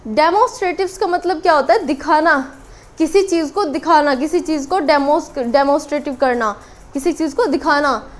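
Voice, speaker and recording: A woman with a high voice gives a casual spoken English lesson to camera. She explains patiently, repeating each word, and fills pauses with soft hesitations. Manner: explains slowly, repeats words with many fillers. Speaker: English teacher. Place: small room with a board. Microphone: camera on a tripod.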